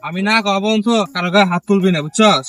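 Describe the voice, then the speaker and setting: A man's voice: high-pitched, fairly bright tone, no echo, soft background music. A man with a rural Bangladeshi Bengali dialect, playing a greedy, blustering village moneylender in a comedy skit. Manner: greedy, blustering, fast-talking.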